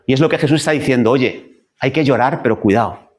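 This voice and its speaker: A male pastor preaching a sermon in a church, animated and acting out wailing complaints. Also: medium pitch, fast talker.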